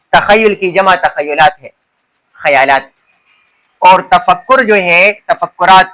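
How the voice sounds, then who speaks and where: High-pitched man lecturing like a teacher. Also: pushed and bright, poor audio. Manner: asks questions and answers them himself, repeats key words slowly. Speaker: Urdu teacher. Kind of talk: classroom-style lecture.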